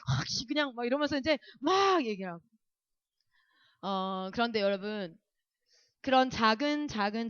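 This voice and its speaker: A woman missionary preaching at an evening revival meeting in a blunt, colloquial storytelling way that swings from hushed asides to fervent exhortation. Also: high-pitched, dry recording, dull audio.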